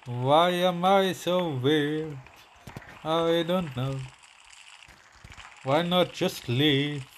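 A goofy young man giving let's-play commentary in a voice on the higher side. He drawls his words out slowly, and clicks sit faintly behind him. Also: slight background noise. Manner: silly, goofy, talks about himself in the third person. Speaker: gameplay commentator.

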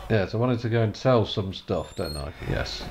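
A man's voice: fairly low pitch, expressive, normal speed, background noise. A man casually commenting while he plays a video game, amused and muttering to himself. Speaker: streamer playing a video game. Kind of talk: casual let's-play commentary.

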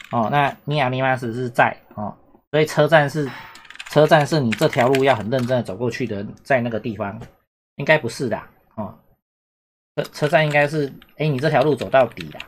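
A man's voice: medium pitch, slight background noise. Chatty male language teacher. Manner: chatty, repetitive, asks "懂哈？有没有？" often. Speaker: Japanese teacher. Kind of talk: casual exam-prep lesson.

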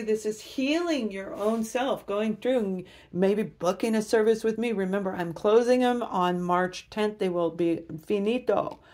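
A tarot reader with a mid-range voice and darkish tone gives a reading to camera, upbeat and enthusiastic as she speaks straight to her viewers.

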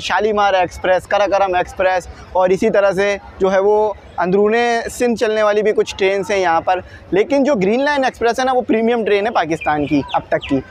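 A young man with a Pakistani Urdu accent vlogs casually while standing on a station platform. His fairly high voice keeps calling his viewers brother and fills the gaps with loose fillers. He is recorded on a small lapel mic, with faint station noise behind him. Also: darkish tone. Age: young adult. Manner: chatty, addresses viewers as "bhai" often, frequent fillers. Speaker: vlogger. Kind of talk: casual vlog to camera. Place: outdoor railway station platform.

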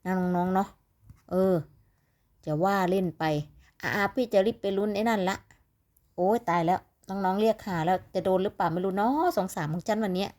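A woman speaks fairly quickly in a mid-range, darkish voice with fairly even intonation and an Isan accent from northeastern Thailand. Sleepy-sounding and chatty, she rambles on to her "little siblings" while tipping lottery numbers.

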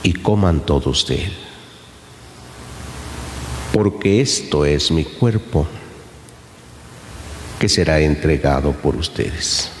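A middle-aged man, a priest, reciting the Mass at the altar in a slow, measured, solemn way. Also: a bass voice, slight background noise. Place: church sanctuary, behind the altar. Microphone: fixed camera from across the altar. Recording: echoey church with long reverb.

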